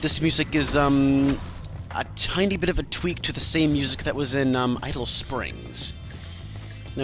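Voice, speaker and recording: A man giving casual, chatty, self-deprecating commentary as host of a video game walkthrough. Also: medium pitch. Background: game music.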